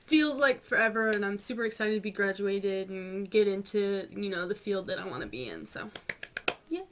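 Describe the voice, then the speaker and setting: A woman in her twenties from North Georgia, USA, chats casually in a vlog and answers viewer questions in a mountain Southern twang. Her voice is fairly high and fairly bright, and she rambles chattily with frequent ums and little laughs.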